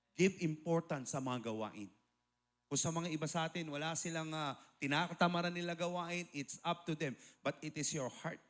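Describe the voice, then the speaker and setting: High-voiced male pastor preaching. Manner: mixes in English, asks rhetorical questions. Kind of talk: sermon.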